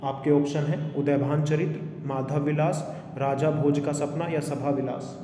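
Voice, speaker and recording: With a fairly high, mellow voice, little pitch movement, and a measured pace, this online exam coaching teacher takes viewers through a quiz lesson. He repeats questions instructively and mixes in English phrases, and the reverberant room adds echo and faint noise.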